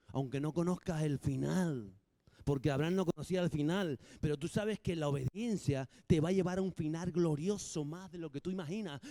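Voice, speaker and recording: A man preaching a sermon, lively and humorous, acting out little dialogues between the points. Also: on the high side, dry recording. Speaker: pastor.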